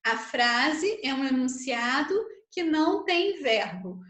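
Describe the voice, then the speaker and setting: A woman's voice: high-pitched, very animated, a bit bright. A Brazilian Portuguese woman teacher giving an online grammar lesson, explaining patiently and checking in with her students often. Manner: slow, patient explaining with frequent tag questions. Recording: echoey room.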